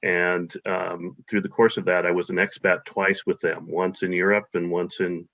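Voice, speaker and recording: An American man appears as a guest in a casual interview, speaking hesitantly with lots of fillers and restarts. His deep voice is creaky and a bit bright, with a flat delivery at normal speed. The audio is dull and lo-fi.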